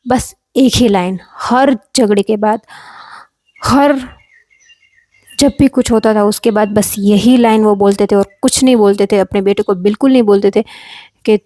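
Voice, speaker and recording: A woman's voice: mid-range voice, moderate pace, dark tone, no echo. A young woman telling a personal story from her own childhood in a casual, confiding way, often repeating phrases and checking in with her listeners. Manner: confiding, repeats phrases, frequent "theek hai" check-ins.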